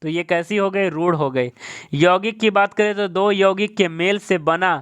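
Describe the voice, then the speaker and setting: A man's voice: sits high, normal speed, a bit bright, clean tone. A man teaching an exam-prep grammar lesson, who repeats each point, asks questions and answers them himself, and keeps saying "okay" as a check-in.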